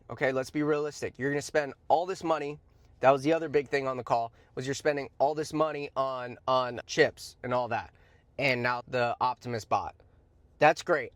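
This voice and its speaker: In a dry recording, a mid-range male voice delivers informal, opinionated stock commentary as the show's host. His style is blunt, emphatic and chatty, with slangy asides and points repeated for stress.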